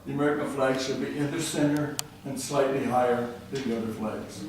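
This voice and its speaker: An older man speaks at a council podium, earnest and patriotic, slipping in a joke now and then. His voice sits at an ordinary middle pitch. It is caught from some distance in a very echoey chamber. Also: steady tone, a little fast, a little mellow. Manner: earnest, patriotic, tells jokes. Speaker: public commenter at city council. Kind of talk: public comment speech. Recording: very echoey room, distant mic, faint noise.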